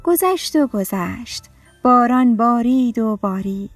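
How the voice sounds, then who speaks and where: A woman narrating a children's story in a gentle, clear storytelling way. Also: a little high, animated, no room sound. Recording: dry studio with soft music.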